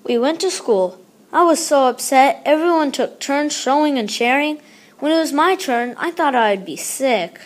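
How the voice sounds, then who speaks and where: Her voice sits high as she reads a children's picture book at normal speed. The woman, a storybook reader, stays animated throughout and acts out the dialogue and exclamations with expression.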